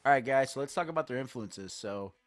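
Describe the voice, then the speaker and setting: A man's voice: medium pitch, animated, a little fast. A man hosting a casual music chat podcast, easygoing and rambling with fillers. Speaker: podcast host.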